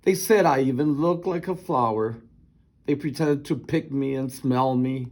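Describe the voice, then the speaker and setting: Storybook role: miserable small schoolgirl with a dragging, husky delivery played by a man. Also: mid-range voice, a little slow, darkish tone. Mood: glum, hurt.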